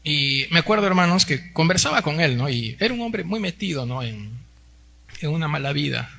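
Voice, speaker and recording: A man's voice: a little high, very animated, normal speed, vocal fry, sharp tone. A Peruvian man in his forties preaching a Sunday sermon, often tagging his sentences with little questions and calling the congregation brothers. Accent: Peruvian Spanish. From Peru. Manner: peppers speech with tag questions, addresses the congregation as brothers. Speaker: pastor.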